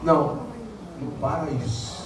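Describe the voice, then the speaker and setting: A Brazilian man preaching an evangelical sermon, building to shouted, sung climaxes. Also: on the high side, takes it slowly, far from the mic, a crowd in the background. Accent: Brazilian Portuguese. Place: church. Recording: echoey church hall heard from afar, music behind.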